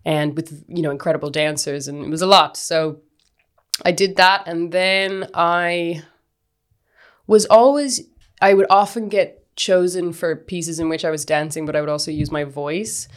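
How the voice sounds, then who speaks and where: A woman's voice: lowish voice, steady tone, measured pace. A young woman with a west of Ireland accent, telling stories casually and chattily as an interview guest. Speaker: interview guest, dancer and performer. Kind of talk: casual conversational storytelling.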